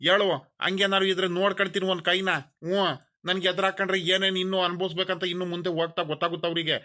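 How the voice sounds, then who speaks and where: An actor playing a proud, quick-tempered middle-aged village boss in a comedy sketch, firing off repeated questions and turning sulky. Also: male voice, sits high, flat delivery, bright, forceful tone. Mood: blustering concern. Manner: fires off repeated questions, blustering then sulky. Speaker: former village council member. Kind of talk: rural comedy sketch acting.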